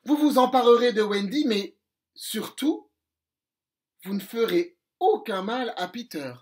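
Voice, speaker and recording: A jealous little fairy girl speaks in a high, strained voice, as a man reading the story puts her on. She is sulky and insistent, and the storybook telling stays slow. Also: lively intonation, darkish tone. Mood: pleading. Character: jealous tiny female fairy, sulky and pleading.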